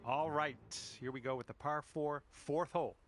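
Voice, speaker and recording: A man giving calm, casual play-by-play commentary on a round of golf, with quiet low-key asides between shots. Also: normal speed, faint music behind.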